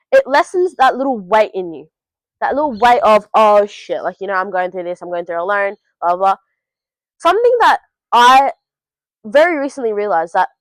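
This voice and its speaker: Talking straight to the viewer, a teenage vlogger from Australia dishes out frank, foul-mouthed advice from home. She has a fairly high voice, recorded with no echo but poor audio quality.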